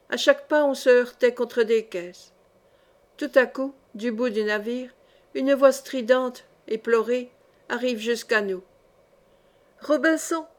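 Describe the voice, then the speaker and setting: Expressive woman narrating a novel. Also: on the high side. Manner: expressive, lively storytelling. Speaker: audiobook reader.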